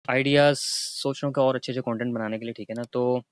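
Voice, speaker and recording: A man's voice: medium pitch, fairly even intonation, quick pace, clear, resonant tone, dry recording. A young man from Karachi, telling a story to camera in a casual, chatty way and often tagging his lines with a check-in filler. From Karachi, Pakistan. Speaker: vlogger.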